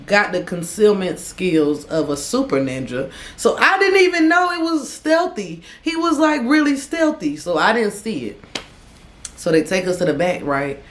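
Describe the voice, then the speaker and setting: A woman vlogger telling a storytime to her viewers, dramatic, acting out each person and laughing as she goes. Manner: dramatic, talks to viewers as y'all; acts out voices with big pitch swings. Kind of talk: animated storytime. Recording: echoey room.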